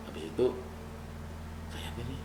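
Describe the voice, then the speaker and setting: An older man telling a story in casual spoken style, animated and rising to loud bursts at tense moments, with a gravelly voice. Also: normal speed, very noisy. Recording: roomy room with clear background ambience.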